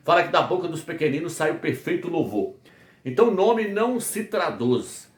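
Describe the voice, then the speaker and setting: A fairly high-voiced man from Brazil preaches a Bible study in an echoey room. He drives his points home by firing questions and answering them himself, over and over. His teaching is emphatic and repetitive. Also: expressive, moderate pace. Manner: repetitive call-and-response questioning.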